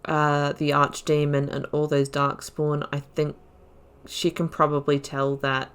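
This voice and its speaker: A gaming YouTuber gives casual let's-play commentary, reflectively thinking aloud and reading out dialogue as her character. Her low voice is smooth and unhurried, with a completely flat delivery.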